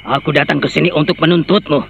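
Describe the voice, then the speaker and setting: An actor playing a wrathful older village father in a radio drama, shouting threats. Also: on the high side, steady tone, quick pace, gravelly, music in the background. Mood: furious. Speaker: antagonist. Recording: noisy, muffled radio recording.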